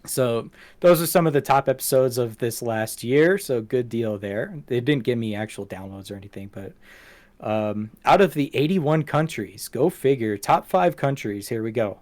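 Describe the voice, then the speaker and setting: Speaking at a normal speed, a man with a medium-pitched, slightly mellow voice hosts a laid-back podcast. He walks through the show stats in a meandering, self-mocking way.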